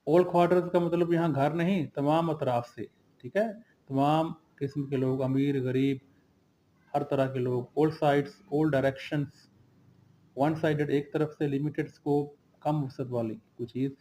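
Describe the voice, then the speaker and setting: Steady teacher listing words. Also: male voice, a little high, slight background noise, low-quality recording. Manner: slow and steady, drills word lists with brief glosses. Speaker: English teacher. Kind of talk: vocabulary lesson, listing synonyms and antonyms.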